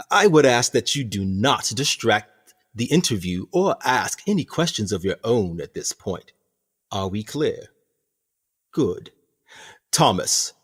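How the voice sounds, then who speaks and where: Here the smug, theatrical captain of a sinister prison colony, played by a male radio actor, comes across as coolly authoritative. His medium-pitched, husky voice swings widely in pitch, and his delivery is pompous, deliberate, and condescending.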